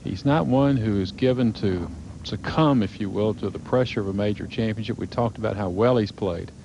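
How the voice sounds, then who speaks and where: A man's voice: lowish voice, brisk, creaky, highs cut off. Male golf commentator over noisy outdoor ambience. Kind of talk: live television golf commentary.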